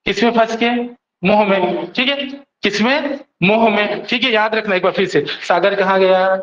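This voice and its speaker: A man's voice: sits high, normal speed, a bit bright, a little hiss or hum. A man teaching an exam coaching class, drilling students with memory tricks and constantly asking if they follow. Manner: repeats questions to students, keeps asking "theek hai?". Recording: echoey room, dull lo-fi sound.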